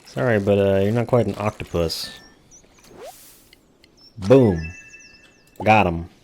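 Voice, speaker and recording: Low-voiced man casually commentating a game. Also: slow, a little mellow, a little hiss or hum. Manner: informal, joking, swears freely. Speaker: gaming video host.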